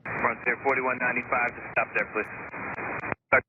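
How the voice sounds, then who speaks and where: A man's voice: medium pitch, flat delivery, normal speed. Man on tinny air traffic control radio. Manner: terse, clipped radio commands. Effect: air traffic control radio transmission. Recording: tinny radio line with static.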